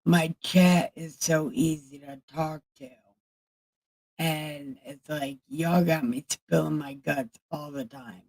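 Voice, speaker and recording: A woman livestreamer with a low, warm voice chats casually with her viewers. She talks candidly and swears a lot.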